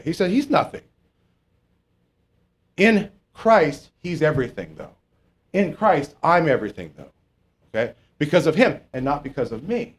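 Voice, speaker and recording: A man, a pastor, teaching a passage of scripture in a conversational way, often asking "okay?" and rising in pitch to stress his points. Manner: informal, keeps checking in with "okay?", rises in pitch on emphatic points.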